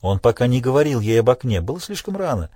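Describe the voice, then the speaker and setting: A man narrating an audiobook with a steady, dramatic reading. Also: mid-range voice, fast, breathy edge, no echo, studio quality.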